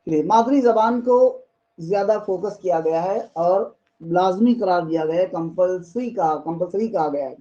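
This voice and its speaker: A man's voice: sits high, dark tone. A man with an Indian Urdu accent teaching exam preparation, repeating and rephrasing points and mixing in English terms. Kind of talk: explaining exam questions. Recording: dull lo-fi recording.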